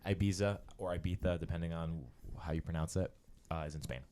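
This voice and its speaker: A man's voice: very deep voice, level tone, brisk, warm tone, a little hiss or hum. A man with an American accent co-hosting a podcast in casual, joking banter. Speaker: podcast co-host. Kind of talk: casual chat.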